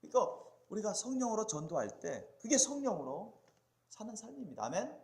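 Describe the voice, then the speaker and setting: Animated Korean pastor preaching in echoey church. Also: male voice, brisk, creaky. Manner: preaching with call-and-response questions to the congregation; swings between loud emphatic peaks and quiet low asides. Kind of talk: sermon. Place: church sanctuary.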